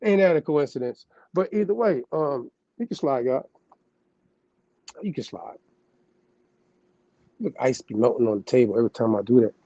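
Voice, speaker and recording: A man's voice: mid-range voice, moderate pace, long pauses, dark tone, no room sound, muffled recording. A man hosting a podcast who switches between casual slangy talk and reading passages aloud, often turning to a listener he calls God. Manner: loose slangy asides, calling the listener "God".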